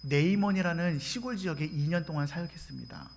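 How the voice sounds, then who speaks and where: A middle-aged man, a missionary, giving a mission report sermon in a church, telling stories and acting out the dialogue, rising loud and excited at the good news. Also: on the high side, fast, creaky, slight background noise. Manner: storytelling, acting out quoted dialogue. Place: church sanctuary.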